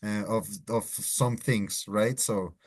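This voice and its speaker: A Latin American man teaching Spanish slang in a live online lesson, explaining slowly with drawn-out vowels. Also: lowish voice, steady tone.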